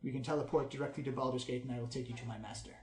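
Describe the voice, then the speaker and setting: A man's voice: mid-range voice, steady tone, very fast, darkish tone, natural voice. A man voicing a proud, ageless male Gith warrior monk who speaks formally and with self-assurance. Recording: roomy echo.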